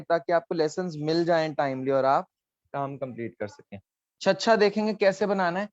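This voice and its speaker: A man's voice: sits high, dry recording, dull audio. A man teaching a live online class, explaining letters patiently and coaxing students, dropping in English phrases.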